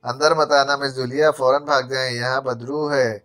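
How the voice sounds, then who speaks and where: A male narrator voicing a jittery, sharp-tongued male servant who stammers when frightened. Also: mid-range voice, level tone, natural voice. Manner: stammering, quick-tongued sarcasm.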